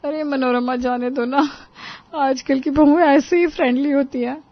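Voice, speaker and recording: A woman's voice: high-pitched, steady tone, normal speed, no echo, highs cut off, voice pushed up, lightly acted. A woman voicing a jovial older aunt. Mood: soothing. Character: cheerful older female relative, easygoing.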